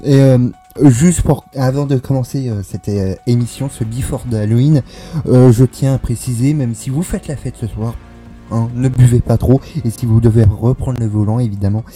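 A man's voice: mid-range voice, moderate pace, dark tone, faint music behind. A man co-hosting a live radio show, introducing songs in a casual, hesitant way with many fillers. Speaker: radio co-host.

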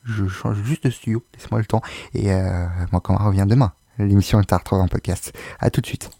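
A man's voice: lowish voice, fairly even intonation, brisk, creaky, dark tone, dry recording. Hesitant young man hosting radio news. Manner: hesitant, many fillers, joking asides. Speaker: radio show host. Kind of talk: casual radio music news.

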